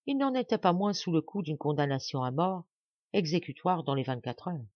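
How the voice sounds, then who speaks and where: Woman reading a novel aloud, measured. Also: sits low, big pitch swings, no room sound, highs cut off. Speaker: audiobook reader. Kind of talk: scripted narration.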